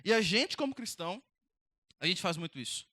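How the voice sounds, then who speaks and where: A young man preaches to teenagers in a direct, conversational way. He talks fast in a high, bright voice. The sound is dry and close. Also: animated, dry recording. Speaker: youth pastor. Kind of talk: youth sermon.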